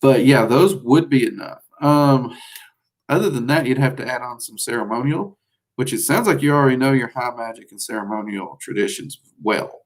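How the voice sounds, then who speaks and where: A folksy Southern man hosts a livestream teaching magic, rambling casually as he answers viewers and using frequent fillers. His mid-range voice moves at a normal speed.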